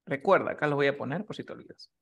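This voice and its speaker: A man's voice: medium pitch, very fast, vocal fry, a bit bright. A man teaching a class, explaining rules patiently and often checking that his student has understood. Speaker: English teacher.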